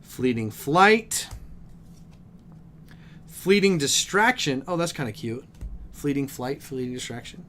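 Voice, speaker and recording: A young man at a game store reading card names aloud on a live stream and chatting with viewers, easily excited by good pulls. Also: medium pitch, slow, pauses often, slight background noise. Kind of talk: live-stream pack opening commentary. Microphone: desk microphone.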